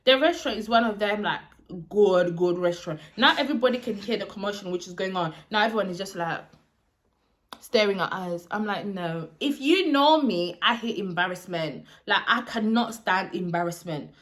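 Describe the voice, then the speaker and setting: A young woman telling a storytime vlog in an animated, chatty way with lots of slang. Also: mid-range voice, normal speed. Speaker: vlogger.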